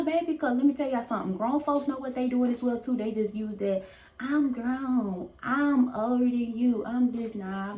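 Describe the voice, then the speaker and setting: A woman's voice: a little high, a little mellow. Folksy woman preaching to her viewers, echoey. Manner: preachy, folksy, calls viewers baby and y'all, laughs often. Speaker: motivational vlogger. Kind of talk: casual motivational talk to camera. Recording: echoey room with faint noise.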